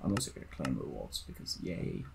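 A man's voice: lowish voice, huge pitch swings, brisk, creaky, warm tone, slight background noise. A man in casual chat while playing a video game with a friend, easygoing with dry, playful asides. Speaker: co-host of a gaming series.

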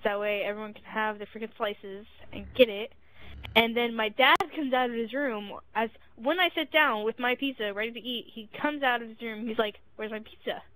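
Young woman, higher-pitched, casual gamer chat, rambling storyteller. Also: fairly even intonation, moderate pace, fairly bright tone, poor audio. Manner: rambling, chatty, frequent "freaking".

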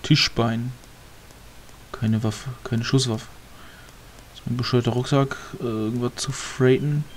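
Male let's-play commentator, mid pitch, mutters and rambles over gameplay, faint hiss behind. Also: fairly even intonation, a little slow. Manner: rambling, muttering to himself, mildly grumbling. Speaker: let's player.

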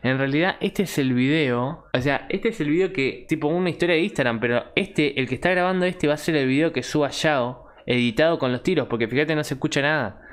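A young man with a Rioplatense Spanish accent, a streamer ranting in casual commentary, slangy and profane, jumping into excited outbursts. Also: fairly high pitch, a little fast, few pauses, slight background noise.

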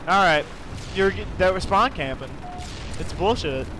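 A man's voice: high-pitched, animated, a little slow, noisy background. A young man live-streaming a shooter game, rambling casually, swearing and laughing as he plays. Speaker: gaming streamer. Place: home room during a thunderstorm.

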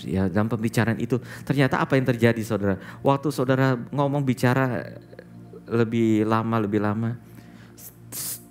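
A man's voice: medium pitch, a little mellow. A male pastor preaching a sermon, telling a story and often addressing the congregation directly, with English words mixed into his speech.

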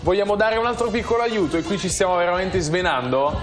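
High-voiced man hosting an infomercial-style quiz. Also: fast talker. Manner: wordy, repetitive, urging viewers to phone in. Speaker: TV quiz show host. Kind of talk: live infomercial-style call-in quiz patter. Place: TV studio. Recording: music behind the voice.

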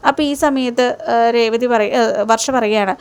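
A woman's voice: a little high, fairly even intonation, moderate pace, clean tone. A woman casually retelling a TV serial episode in a chatty way, keeping the listener involved with asides. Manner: chatty, keeps adding "you know" asides to the listener. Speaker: TV serial reviewer.

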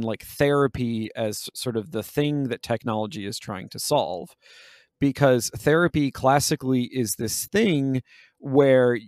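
A podcast host works through game analysis in a wordy, analytical style, hesitating and often rephrasing himself mid-sentence. His medium-pitched voice is recorded at studio quality with no echo.

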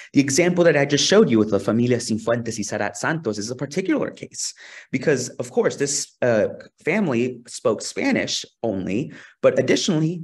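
A man's voice: mid-range voice, husky. A young man from Peru, a social scientist giving a webinar presentation over a video call, earnest and asking for the next slide now and then. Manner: earnest, asks for next slide, some restarts. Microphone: video call webcam.

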